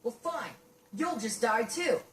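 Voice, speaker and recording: A terrified young boy lost in a ruined wasteland, played by a woman, pleading for help in a raised, high voice. His panicky pleas come from a short way off the mic in a roomy space. A faint hiss sits under the game sound. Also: animated, measured pace, far from the mic. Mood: frightened.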